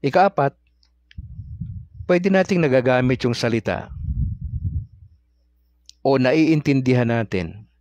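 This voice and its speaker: A man's voice: mid-range voice, expressive, slow pace, long pauses, a little mellow, no room sound. A Filipino man teaching religion in a casual, conversational way, often asking his audience questions. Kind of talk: casual talk-style teaching.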